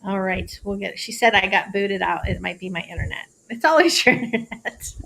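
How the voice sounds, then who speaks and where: A woman's voice: medium pitch, normal speed, creaky, bright, forceful tone, a little hiss or hum. A woman guest on a video call, chatting playfully and easily. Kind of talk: casual video-call interview.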